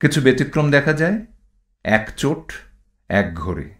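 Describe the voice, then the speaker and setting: A man teaching standard pronunciation, reading rules and example words one at a time in a measured recitation. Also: mid-range voice, big pitch swings. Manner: measured, reads rules and word lists one item at a time. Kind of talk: slow instructional recitation.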